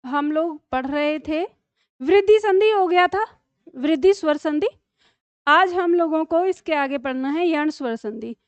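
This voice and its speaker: A woman's voice: high voice, animated, unhurried, no echo. A woman teaching a grammar class, explaining patiently and checking often that her students follow. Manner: explains patiently with many checks like "theek hai?". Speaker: Hindi teacher. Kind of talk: classroom lesson. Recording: dull lo-fi dry sound.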